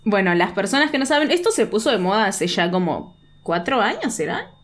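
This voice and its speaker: Lively young Rioplatense woman chatting. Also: mid-range voice, brisk. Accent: Rioplatense Spanish. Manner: animated, laughing often, chatty. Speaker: podcast co-host. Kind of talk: casual chat.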